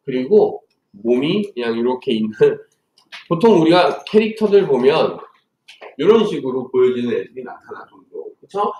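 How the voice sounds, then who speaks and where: A man's voice: mid-range voice, sing-song, moderate pace, dark tone. A man teaching math to children, telling playful stories and asking lots of questions. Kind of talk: classroom lesson for children. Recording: echoey room, distant mic, faint noise.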